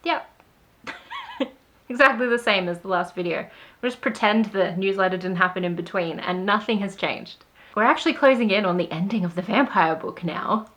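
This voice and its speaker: A woman's voice: mid-range voice, brisk, fairly bright tone. A woman author talking straight to the camera in a casual vlog, wry and self-deprecating, with a sarcastic edge. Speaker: author vlogger.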